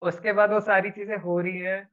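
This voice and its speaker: A man's voice: high voice, flat delivery, moderate pace, fairly bright tone. A man telling a personal story in an earnest, rambling, casual way, slipping in English words. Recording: tinny phone-like sound.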